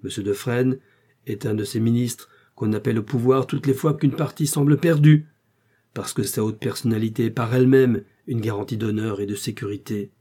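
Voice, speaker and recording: A man reading as a calm, steely aristocratic wife. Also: medium pitch, moderate pace, slightly rough, natural voice. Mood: firm. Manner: firm, calm, cutting. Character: cool, strong-willed aristocratic wife, woman. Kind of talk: audiobook reading.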